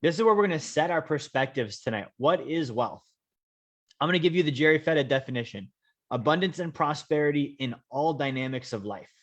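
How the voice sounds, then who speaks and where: Brief: male host from Alaska, webinar presenter, measured delivery, fillers, slows for emphasis. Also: fairly high pitch, lively intonation, a bit bright. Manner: measured, slows to stress key points, frequent "um" and "okay?". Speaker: host, wealth coach.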